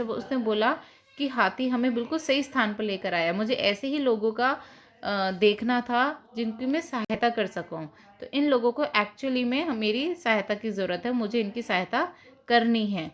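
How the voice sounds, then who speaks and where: A woman's voice: a little high, moderate pace. A woman, teaching children by retelling a story and explaining it in simple words.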